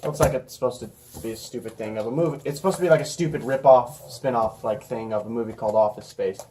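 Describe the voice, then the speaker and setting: A man in rambling, slangy casual chat, quick to laugh. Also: medium pitch, noisy background. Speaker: card game player.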